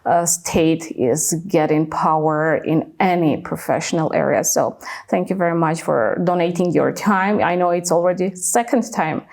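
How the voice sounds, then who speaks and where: A woman's voice: sits low, moderate pace, gravelly, darkish tone. Armenian woman hosting a TV interview. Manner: formal, enthusiastic praise. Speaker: TV host. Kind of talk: studio interview.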